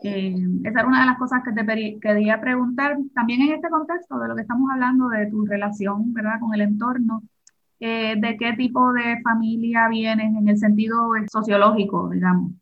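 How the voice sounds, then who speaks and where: A woman interviewer asking quick questions with a few hesitant fillers. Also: fairly high pitch, fairly even intonation, lo-fi sound. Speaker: interviewer, host.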